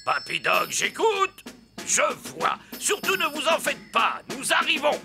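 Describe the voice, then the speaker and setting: Gravelly, hearty old cartoon dog mechanic. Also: male voice, very high-pitched, huge pitch swings, measured pace, music in the background, exaggerated voice. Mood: hearty, rousing. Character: gruff, helpful old male dog garage mechanic. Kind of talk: children's cartoon dialogue.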